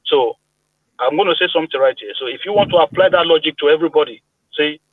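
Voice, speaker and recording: Guy talking fast on a group voice chat, tinny phone-like sound, keeps restarting his sentences. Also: a little high, husky, no echo. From Nigeria. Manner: earnest, argumentative, many restarts. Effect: heard through a group voice chat line. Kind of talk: debating in a live group voice chat. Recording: tinny phone-like dry line.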